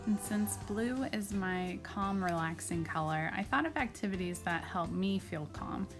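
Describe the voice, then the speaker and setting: A woman art teacher narrates a children's craft tutorial, explaining things simply and step by step over background music. Her voice is mid-range and her pace measured.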